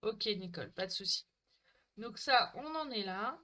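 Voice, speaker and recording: Animated and sharp-toned, this woman talks at a normal speed in a mid-range voice while hosting a crafting stream from home. She calls viewers by name, keeps up the chatter as she works, and jokes about her own slips, recorded on a desk mic.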